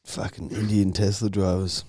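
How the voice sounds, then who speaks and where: A man's voice: sits low, little pitch movement, normal speed, warm tone, no room sound. A young Australian man co-hosting a podcast, telling crude, swear-filled stories in casual chat. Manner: crude, profanity-heavy storytelling with laughs. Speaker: podcast co-host.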